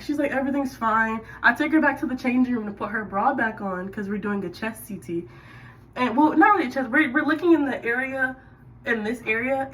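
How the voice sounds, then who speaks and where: A woman, a radiology tech, tells a work story during casual storytime while doing hair, chatty and animated with sudden loud bursts. Her lively, higher voice sits back from the distant mic, and the audio is poor.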